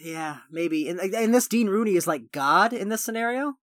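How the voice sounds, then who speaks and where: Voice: mid-range voice, animated, moderate pace, dry recording, clean studio sound. A co-host of a casual film-review podcast, opinionated and prone to rambling asides. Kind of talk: casual chat.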